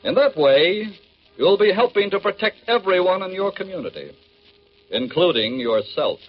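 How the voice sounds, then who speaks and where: A man narrating solemnly from a script in 1940s radio style, with measured emphasis, on an old broadcast disc. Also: high voice, sing-song, dull audio, over loud music. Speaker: narrator of a radio crime drama.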